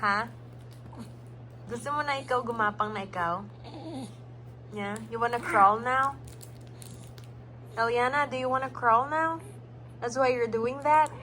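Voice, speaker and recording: A young mother from the Philippines coos and coaxes her baby in a sing-song voice. Her voice sits high and bright, and she takes her time, drawing her words out slowly. A faint hum of room noise sits behind her. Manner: cooing, sing-song, coaxing. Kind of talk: casual baby talk, mixing Tagalog and English.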